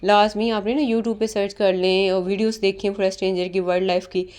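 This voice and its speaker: An interview prep tutor gives a casual spoken lesson, walking through each step and often repeating "ठीक है" while mixing English terms into Urdu. Her medium-pitched voice is smooth and darkish, with little pitch movement and a slightly fast pace.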